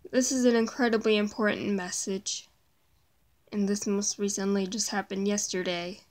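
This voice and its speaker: A woman speaking in an emotional confessional video, upset and with a cracking voice, talking in halting, broken phrases that sink to a near whisper. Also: medium pitch, steady tone, darkish tone. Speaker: vlogger.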